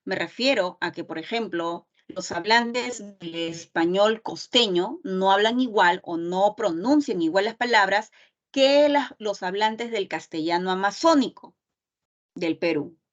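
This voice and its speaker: A woman's voice: medium pitch, measured pace. Woman teacher on a muffled class call. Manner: explanatory, with frequent checking tags like ¿ya? and ¿no?. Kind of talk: online class lecture. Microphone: computer mic on a video call. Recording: dull lo-fi online call audio.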